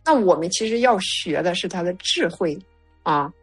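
A young woman chatting casually and haltingly, with a slight thick-tongued lisp from wearing dental braces. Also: fairly low pitch, lively intonation, breathy edge, soft background music. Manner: slow, halting delivery. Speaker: guest sharing study experience. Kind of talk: casual chat.

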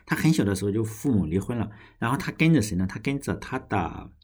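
A man's voice: on the low side, animated, quick pace, darkish tone, breathy edge. A young Chinese man talking casually and at length on his own podcast, rambling with restarts and the odd curse. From China. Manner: rambling, frequent restarts and swearing. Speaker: podcast host. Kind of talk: casual solo podcast monologue.

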